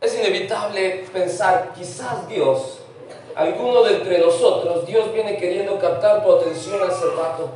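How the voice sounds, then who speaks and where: Pastor, male, middle-aged, preaching; high voice, mic far off in a very echoey church. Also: a little slow, a little mellow, slight background noise. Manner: mixes English words into Spanish preaching. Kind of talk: sermon. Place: church sanctuary.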